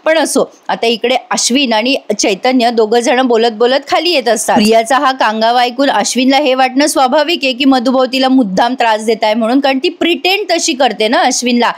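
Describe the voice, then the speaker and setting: A woman's voice: sits high, brisk, hardly any pauses. A woman with a Marathi accent narrating a chatty voice-over recap of a TV serial, commenting as she retells scenes.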